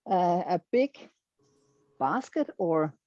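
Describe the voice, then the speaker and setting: A warm, slightly low female voice with lively intonation moves at a slow pace. She is a middle-aged Danish woman with a Danish accent presenting her quilts online in hesitant English, frequently searching for words, recorded without echo and with the highs cut off.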